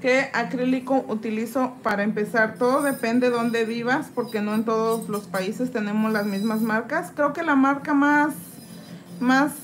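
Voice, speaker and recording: This nail tech streamer from Mexico has a fairly high, fairly even voice and talks at a normal pace over a slight hiss or hum. Sitting indoors at her nail desk, she files acrylic off her own nails while chatting on a casual live stream, reading out viewer comments and greeting every person by name.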